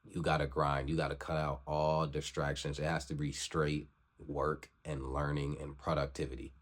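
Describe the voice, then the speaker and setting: Deep-voiced young man urging hard work. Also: level tone, moderate pace. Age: 20s. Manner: repetitive, preachy, urging. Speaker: vlogger. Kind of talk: motivational vlog talk.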